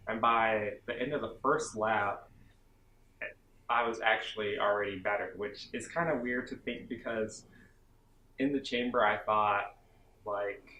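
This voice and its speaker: A young man vlogging about his basic training, telling the story casually and a bit dramatically, with lots of "like" fillers. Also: lowish voice. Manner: animated, self-dramatizing, many "like" fillers. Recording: echoey room, faint background hum.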